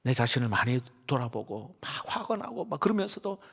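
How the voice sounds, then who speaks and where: Pastor with a gravelly voice. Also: male voice, mid-range voice, sing-song, a little fast. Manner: emphatic, swinging between loud stresses and hushed asides. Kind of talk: sermon. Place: church sanctuary. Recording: reverberant church sanctuary.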